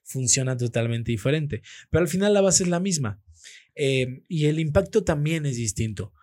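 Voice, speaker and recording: Slangy, animated Mexican man. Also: fairly high pitch, normal speed, no echo, studio quality. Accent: Mexican Spanish. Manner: slangy, animated anecdotes, frequent fillers. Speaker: radio producer and host, guest. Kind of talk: casual podcast chat, storytelling.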